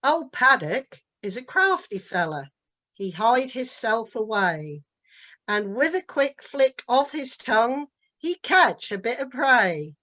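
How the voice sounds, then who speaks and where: Slow, lilting Norfolk woman reciting verse. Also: fairly high pitch, very animated, pushed and bright. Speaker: dialect poet. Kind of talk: poetry recitation.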